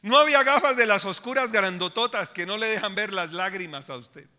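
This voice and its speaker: High, bright-voiced preacher man. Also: fairly quick, in a large hall. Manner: emphatic preaching, speaks directly to the congregation. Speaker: pastor. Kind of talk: sermon. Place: church.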